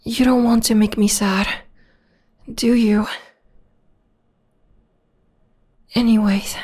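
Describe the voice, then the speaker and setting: A woman takes on the role of a possessive, obsessive young vampire lover in ASMR roleplay, whispering often in a soft, breathy, intimately cooing way with sweet menace. Her pitch is fairly high with little movement, and she speaks a little slowly. The mood is sweetly threatening.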